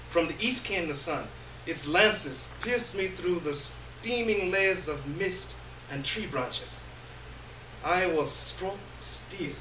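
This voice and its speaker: A man with a strikingly high, slightly bright voice reads a short story aloud on an indoor stage, performing it as a dramatic first-person piece. His delivery is theatrical and halting, with long gaps between phrases, and the distant microphone gives a roomy sound over faint background noise.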